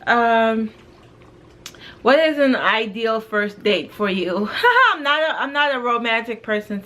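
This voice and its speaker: A young Jamaican woman vlogger runs through a Q and A in a laid-back, casual way, using lots of fillers. Her mid-range voice is a bit bright.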